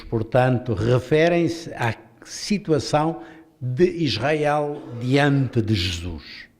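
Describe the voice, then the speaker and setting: A man with a European Portuguese accent leads a guided Bible study as a bishop. He explains the passage step by step in a mid-pitched voice, stopping to restart and asking rhetorical questions. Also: darkish tone. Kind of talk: guided Bible reading talk. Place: seminary hall.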